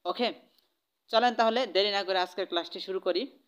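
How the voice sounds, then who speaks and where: A man's voice: sits high, moderate pace, a bit bright, clear, resonant tone. Man teaching spoken English. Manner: switches between Bengali and English, repeating each example sentence in both; patient, repetitive teaching. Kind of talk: online language lesson.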